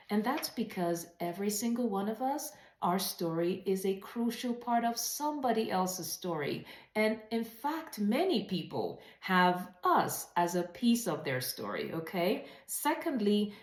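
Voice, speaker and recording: In an echoey room, a woman whose mid-range voice has a slightly mellow quality leads a writing webinar. Her conversational teaching is earnest and emphatic, and she keeps throwing rhetorical questions at her listeners.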